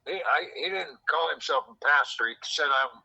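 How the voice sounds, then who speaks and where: A man's voice: a little high, normal speed, gravelly, sharp tone, slightly rough, highs cut off. A man telling a rambling story in casual chat, quoting people in dialogue, recorded in a secretly taped conversation. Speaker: host.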